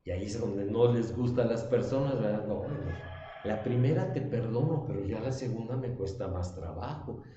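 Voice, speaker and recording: A man leads a Sunday school Bible lesson in a church classroom, reading scripture aloud and questioning the class. His lowish, mellow voice moves at a normal speed, and the echoey, dull recording carries a slight hiss or hum.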